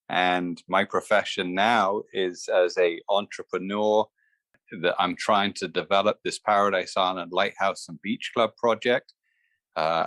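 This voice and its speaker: A man's voice: lowish voice, fairly bright tone, dry recording. A man from the Bahamas, an entrepreneur speaking as a guest over a video call, earnest and repeating himself as he explains.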